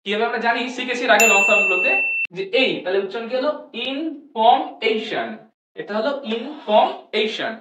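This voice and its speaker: A woman teaching English pronunciation to students. She asks questions and answers them herself, and she repeats each sound slowly. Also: fairly high pitch, far from the mic, heavy background noise. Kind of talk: classroom-style lesson. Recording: echoey room, voice from off-mic.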